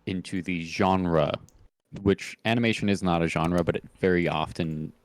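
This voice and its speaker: Very deep-voiced man, dry and close. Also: steady tone, normal speed, no echo. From Texas, USA. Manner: thoughtful, articulate, dry humor. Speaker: podcast co-host, film fan. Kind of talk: casual podcast chat.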